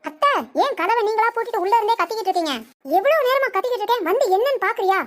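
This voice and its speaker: A woman's voice: very high-pitched, rapid-fire, background noise. A woman voicing a dry-witted daughter-in-law. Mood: dismissive. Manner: dismissive, matter-of-fact.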